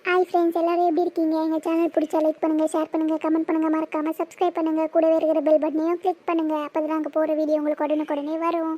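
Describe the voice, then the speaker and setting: A young village boy from a cartoon speaks in a high, quick voice, as a voice actor puts him on. He is sheepish and keeps apologizing. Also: completely flat delivery, warm tone. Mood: cheerful. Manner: pleading, apologetic. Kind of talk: cartoon voice acting.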